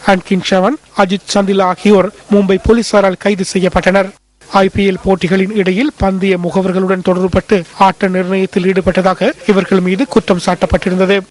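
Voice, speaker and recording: A man reading a news report as a scripted voice-over in a flat, even way. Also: high-pitched.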